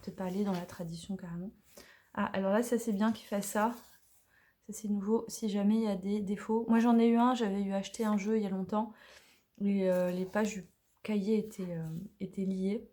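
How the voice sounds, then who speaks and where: A woman's voice: mid-range voice, fairly even intonation, fairly quick, dark tone. A woman casually unboxing and reviewing an oracle card deck, talking chattily with many hesitations and now and then dropping to a whisper.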